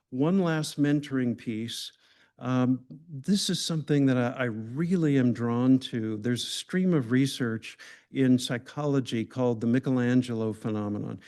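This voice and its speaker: A man's voice: medium pitch, a little mellow. A man giving a conversational, engaging lecture to a hospital audience, often asking the room questions. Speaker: grand rounds speaker.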